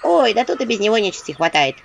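A woman's voice: medium pitch, very animated, fast, gravelly. A woman voicing a group of weary little imps who talk in a sighing, folksy way. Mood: resigned. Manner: sighing, matter-of-fact, folksy. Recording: dull audio with faint noise.

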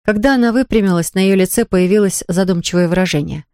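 An audiobook narrator reading a novel in an even storytelling manner. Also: mid-range voice, quick pace, dry recording, studio quality. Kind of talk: scripted narration.

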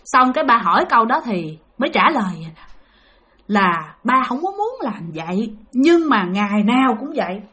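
Lively woman narrating ghost tales, high bright voice. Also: moderate pace. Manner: talks to listeners directly, animated. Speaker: storyteller. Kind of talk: spiritual story narration.

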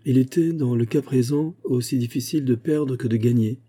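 Male audiobook narrator, measured and expressive, very dark husky voice. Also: medium pitch. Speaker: audiobook reader.

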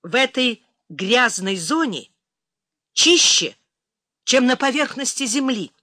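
A woman narrator voicing a tough, commanding male agent who speaks slowly through clenched teeth. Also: a little high, animated, pushed and bright, no echo, studio quality, pitched above the performer's own voice, full character voice. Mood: grim.

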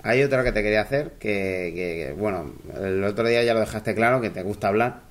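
A man with a fairly low voice asks questions in an interview held in a hotel. He speaks hesitantly, stopping and restarting as he feels his way into each question. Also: fairly quick. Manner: hesitant, repeats words while forming questions. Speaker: interviewer, doctoral researcher.

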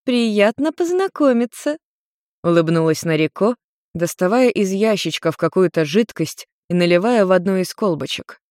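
A woman narrating a story in a calm, even reading voice. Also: on the low side, normal speed, dry recording, clean studio sound.

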